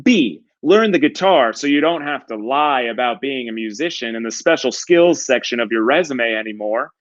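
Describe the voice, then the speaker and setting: Man playing a booming, showy game show host. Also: animated, moderate pace, dull audio, lightly acted. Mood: showy, glib. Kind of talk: theatrical game show presenting.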